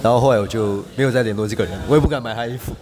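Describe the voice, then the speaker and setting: A man, a podcast guest telling rambling, animated anecdotes with frequent restarts. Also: medium pitch, racing, a crowd in the background. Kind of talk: casual storytelling chat.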